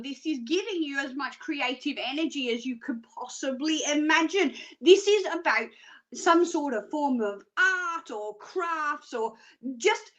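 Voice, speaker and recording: A woman's voice: high-pitched, fairly bright tone, muffled recording. A woman presenting a live psychic reading show, chatty and rambling with jokey asides, often checking in with "okay?".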